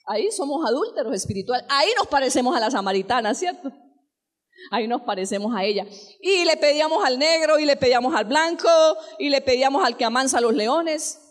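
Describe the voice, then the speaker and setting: High-voiced woman preaching. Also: expressive, brisk. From Colombia. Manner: storytelling, rising to fervent exclamations; asks the congregation direct questions. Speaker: pastor. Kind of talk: sermon.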